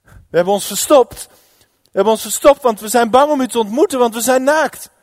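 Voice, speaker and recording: A man's voice: very high voice, brisk, no room sound, studio quality, big-room sound, voice pushed up. A man voicing a frightened first man who anxiously confesses that he is hiding, in a sermon's acted story. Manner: anxious, pleading.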